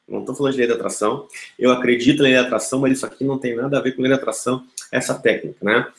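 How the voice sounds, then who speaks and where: A man giving an informal coaching lesson, talking straight to the listener and ending many phrases with quick checking tags. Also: medium pitch, a bit bright. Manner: direct, addresses listener, frequent "tá?" and "né?" tags. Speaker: NLP coach. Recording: echoey room.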